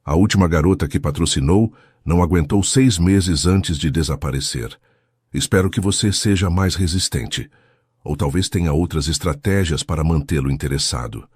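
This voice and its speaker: A man's voice: deep voice, normal speed, darkish tone, breathy edge, no echo, clean studio sound. A man voicing a cold, jealous rival woman who speaks with false sweetness. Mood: venomous.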